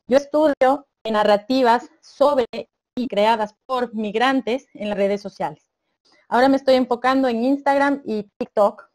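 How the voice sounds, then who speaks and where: A woman in her thirties from Ecuador presents her doctoral work over a video call. Her voice sits a little high, and she explains things step by step, pausing and hesitating as she goes. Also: a little mellow. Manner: measured, explanatory, with frequent hesitations. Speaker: doctoral student panelist.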